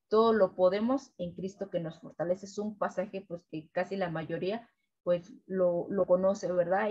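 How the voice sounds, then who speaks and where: A woman leading a weekly Bible devotional, preaching gently and ending nearly every sentence with a questioning "right?". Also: lowish voice, muffled recording. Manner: keeps adding "right?" tags, gentle repetitive preaching. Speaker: devotional co-host.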